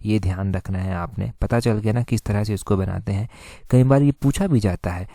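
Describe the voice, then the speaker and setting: A man's voice: lowish voice, moderate pace, gravelly, warm tone, no echo. A man teaching a recorded exam-prep lesson, explaining step by step and repeating answers with lots of filler phrases.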